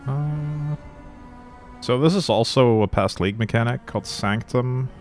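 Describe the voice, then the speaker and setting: A man streaming a game live, giving relaxed, playful commentary and explaining things as he plays. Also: mid-range voice, fairly quick. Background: game music.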